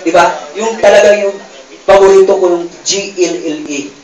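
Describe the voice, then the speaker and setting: A Filipino man giving an animated motivational testimony to a live audience, calling out questions and laughing as he acts out stories. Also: sits high, normal speed, distant mic. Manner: calls out questions to the crowd, gets shouted replies. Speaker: speaker giving a success testimony. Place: event hall with a live audience. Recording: roomy hall mic from afar, loud crowd noise.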